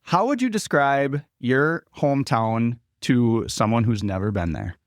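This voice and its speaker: A man, a high school principal, hosting a casual podcast interview and asking upbeat, friendly questions. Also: expressive, measured pace.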